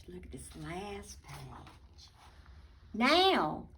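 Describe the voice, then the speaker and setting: This storybook reader, a woman with a mid-range voice, animates a children's picture book in a lively, swooping voice. She reads very slowly, pausing for effect and adding asides for her listeners, while sitting back from the microphone.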